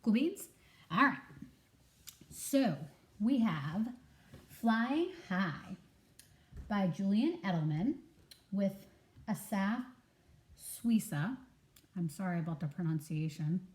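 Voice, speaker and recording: A woman teacher reads a children's story aloud in an expressive, medium-pitched voice, enunciating carefully and pausing to prompt listeners with questions.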